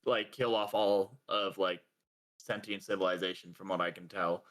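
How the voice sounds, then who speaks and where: A young man with a bright, forceful voice co-hosts a casual podcast. He rambles along, padding his talk with fillers and breaking into laughter now and then. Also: deep voice, fairly even intonation, moderate pace. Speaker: podcast co-host. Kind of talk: casual chat.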